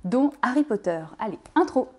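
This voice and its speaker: A woman's voice: fairly high pitch, expressive, normal speed, a little hiss or hum. A young woman hosting a casual audiobook review, chatty and hesitating often. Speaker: book review host.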